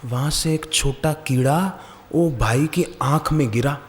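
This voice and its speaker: A man voicing a clever little boy who excitedly tells his father what he spotted, in a sermon story told in a reverberant hall. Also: on the high side, slow pace. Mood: eager.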